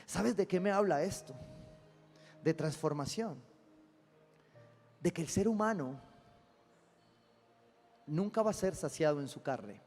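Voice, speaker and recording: A man, a pastor preaching a lively sermon and acting out little dialogues. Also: fairly high pitch, slow, long pauses, big-room sound, faint music behind. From Colombia. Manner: animated preaching, acting out dialogues with God and listeners. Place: church sanctuary.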